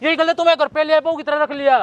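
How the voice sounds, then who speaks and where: A young man plays a brash outsider who threatens and scolds, saying the same lines again and again. His voice is high and quick, with faint traffic heard outdoors. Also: little pitch movement, lo-fi sound. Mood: scolding. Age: young adult. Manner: blustering, threatening, repeating himself. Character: brash young man defending an old woman. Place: outdoor yard by a street.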